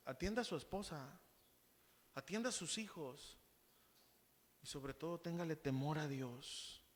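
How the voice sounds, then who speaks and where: A Mexican Spanish-accented man preaching to his church, his voice sitting high for a man. He talks to the congregation in a loose, conversational way. The sound has a long, ringing hall reverb. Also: a bit bright. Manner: conversational, addresses congregation as brothers; uses quick acted quotes of others. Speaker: pastor. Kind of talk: sermon.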